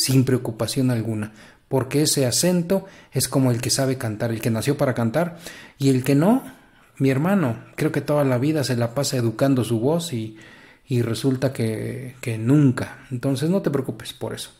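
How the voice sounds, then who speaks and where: A man's voice: mid-range voice, darkish tone. Mexican male teacher, casual video lesson, encouraging and talkative, filler-heavy. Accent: Mexican Spanish. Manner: chatty, encouraging, rambling with many fillers. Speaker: English teacher.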